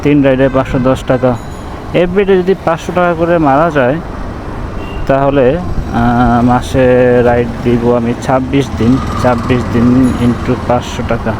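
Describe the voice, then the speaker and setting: A man's voice: mid-range voice, fairly even intonation, normal speed. A man with a Bangladeshi accent chatting casually to viewers as a ride-share vlogger, talking from inside a helmet while out on a motorbike. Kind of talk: casual vlog chat. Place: outdoors on a motorbike in city streets. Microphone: camera mounted in the helmet. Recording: clear traffic and vehicle noise.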